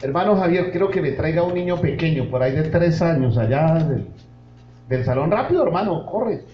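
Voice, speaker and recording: A man's voice: fairly high pitch, brisk, slight background noise. A man preaching a sermon as pastor, speaking with fervor and addressing the congregation directly. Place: church hall. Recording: roomy, dull church recording.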